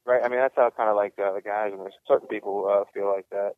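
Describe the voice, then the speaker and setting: A man hosting an interview over a collect call from a prison payphone, talking casually and haltingly with lots of fillers. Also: lowish voice, steady tone, no room sound. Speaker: podcast host and prisoner. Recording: muffled, dry phone line with faint music.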